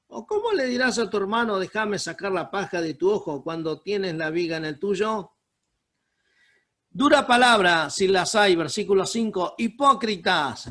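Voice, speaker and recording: Man, high voice, emphatic sermon delivery, pleading prayer lines, video call sound. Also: a bit bright. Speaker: pastor. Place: home room over a video call. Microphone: video call mic.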